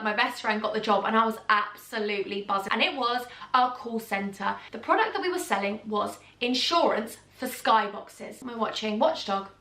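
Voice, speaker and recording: English woman, 20s, slightly high voice, chatty rambling storytime vlogger. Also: a bit bright. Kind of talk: storytime vlog.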